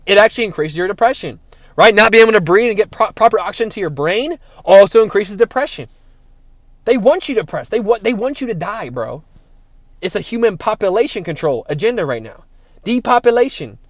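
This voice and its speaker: A man's voice: sits high, no echo, studio quality. A young man in a casual monologue who talks in a heated, preachy way, swears and says "bro" a lot. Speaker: spiritual vlogger.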